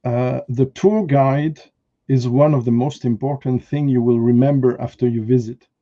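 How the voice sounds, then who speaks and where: Male live-stream host, very mellow dark tone, halting casual delivery, muffled lo-fi sound. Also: medium pitch. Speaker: host, interviewer. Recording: dull, lo-fi online call audio.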